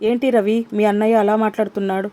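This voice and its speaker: A woman's voice: medium pitch, level tone, fast talker, dark tone, close to an everyday voice. A woman narrator voicing a young wife who speaks with disdain about a rude relative. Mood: disdainful.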